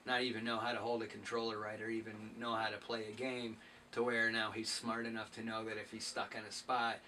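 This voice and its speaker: Rambling podcast host, far mic. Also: male voice, on the low side, little pitch movement, a little fast, bright, forceful tone. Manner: rambling, asks the guests questions. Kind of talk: casual podcast chat. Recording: distant mic with faint noise.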